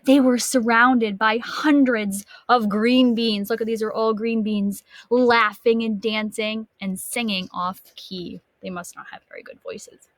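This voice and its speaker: A fairly high-pitched female teacher, recorded echo-free, reads a picture book expressively to young children. She interrupts the story to question her listeners, adding gasps and long, emphatic words for effect.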